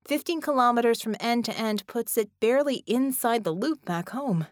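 Woman doing a earnest heroine w metal skin, brisk businesslike talk, higher voice, dry sound. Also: no room sound, natural voice. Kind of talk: audiobook character voice.

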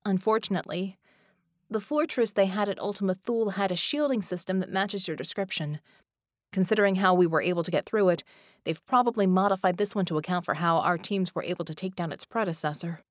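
A woman narrator voicing an earnest, practical young heroine with metal skin who talks briskly and in a businesslike way, in an audiobook. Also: mid-range voice, dry recording, studio quality, lightly acted. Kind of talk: audiobook character voice.

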